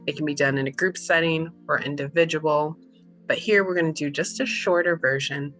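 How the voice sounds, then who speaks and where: A woman working as a holistic business coach, explaining her services and then slowly guiding a breathing and body scan session. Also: deep voice. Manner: calm, slow guided breathing instructions. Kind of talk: guided mindfulness session. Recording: faint relaxing music behind. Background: soft relaxing music.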